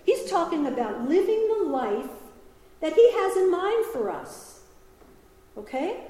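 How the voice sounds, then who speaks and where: Lively woman preaching in an echoey hall. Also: high voice. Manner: lively storytelling with humor and laughs. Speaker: retreat speaker. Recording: echoey hall with long reverb.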